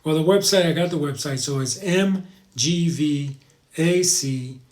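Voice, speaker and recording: Here a livestream host with a slightly high, darkish voice talks at a measured pace. His chat is loose and informal: he goes through viewer comments, calls everyone "guys," and repeats his tips for emphasis as he rambles.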